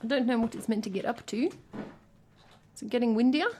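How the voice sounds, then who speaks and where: At home on wired headphones, an English singer-songwriter chats casually and playfully with her stream audience between songs, poking fun at herself. Her voice is a little high and darkish in tone at a normal speed, with slight background noise.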